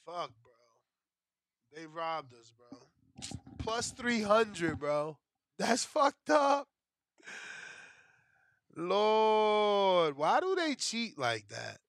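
A man's voice: sits high, sing-song, extremely slow, a bit bright, dry recording, studio quality. A man chatting casually on a livestream as host, with brash frat-bro slang, heavy swearing and an indignant, complaining manner. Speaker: livestream betting show host.

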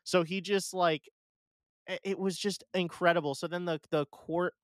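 A young man, a podcast guest, telling stories in an excitable, rambling way. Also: sits high, moderate pace, no echo. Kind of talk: casual chat.

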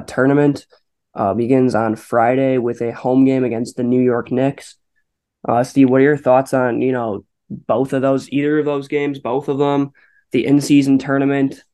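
A man's voice: medium pitch, dark tone. A man co-hosting a sports podcast, talking casually with many fillers and restarts. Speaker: podcast co-host.

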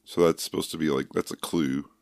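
Very deep-voiced joking man. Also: steady tone, a little fast, creaky, darkish tone, no room sound. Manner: dry, joking, rambling. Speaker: podcast co-host. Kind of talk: casual chat.

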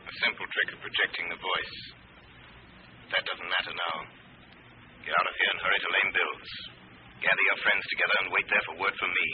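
An actor playing a menacing, mysterious male avenger in an old radio crime drama, with a theatrical, deliberate delivery. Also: sits low, level tone, close to an everyday voice. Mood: calm, commanding. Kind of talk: 1930s-40s radio crime drama acting. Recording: tinny, noisy old radio recording.

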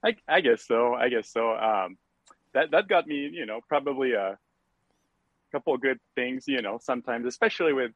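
A man's voice: medium pitch, lively intonation, normal speed, a bit bright, no room sound, muffled recording. A middle-aged man from France with a French accent, chatting casually as a podcast guest with many fillers and easy laughter. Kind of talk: casual interview chat.

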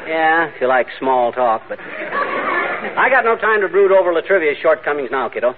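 Cocky slangy husband, vintage radio comedy, noisy old recording with an audience. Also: male voice, on the high side, sing-song, moderate pace, phone-quality sound, over a noisy crowd. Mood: breezy. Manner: breezy, slangy, folksy. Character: cocky, folksy husband full of schemes. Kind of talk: 1940s radio comedy acting.

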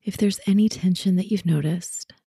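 A woman narrating a guided sleep relaxation like a sleep story narrator, soothing and softly spoken, with unhurried phrases and long pauses. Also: on the low side, vocal fry, slightly rough, dry recording, clean studio sound.

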